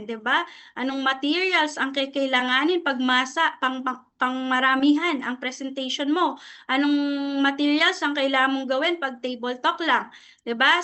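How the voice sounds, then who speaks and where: Her voice high, bright and pushed, a middle-aged Filipino trainer teaches a sales team how to present. She mixes Tagalog and English freely and checks in with her audience after almost every phrase of the lecture.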